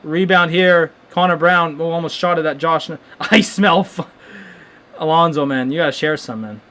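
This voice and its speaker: A young man hosts a live hockey watchalong in a somewhat high voice. He talks casually, stumbling over restarts as he reacts in stunned disbelief. It sounds like a home streaming mic. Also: moderate pace, sharp tone, a little hiss or hum. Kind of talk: casual live game commentary.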